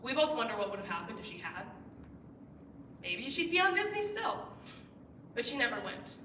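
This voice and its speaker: A young woman in her late teens gives an earnest persuasive speech as a student on a school stage. Her voice is bright and fairly high, and she pushes key words up with emphatic rises. She sounds a little far from the mic, in a roomy, echoing hall. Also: big pitch swings, normal speed, slight background noise. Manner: earnest, with emphatic rising stresses. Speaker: student speaker. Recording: roomy echo, heard from some distance.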